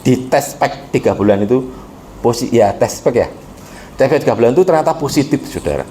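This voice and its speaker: A man preaching a sermon, calling out to the congregation and swinging between quiet storytelling and impassioned exhortation. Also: mid-range voice, animated, a little fast, a little hiss or hum. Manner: addresses the congregation directly. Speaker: pastor.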